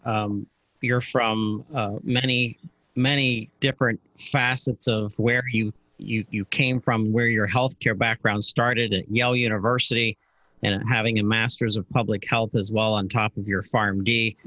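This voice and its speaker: A man's voice: lowish voice, pushed and bright, no room sound, rough recording. A man hosting a podcast interview, speaking enthusiastically with many fillers and restarts. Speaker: podcast host. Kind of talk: casual interview.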